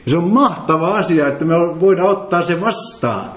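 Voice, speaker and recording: A man's voice: a little high, lively intonation, a bit bright. A man preaching an interactive sermon, emphatic, quizzing his listeners with questions. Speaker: preacher leading a Bible study. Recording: roomy echo.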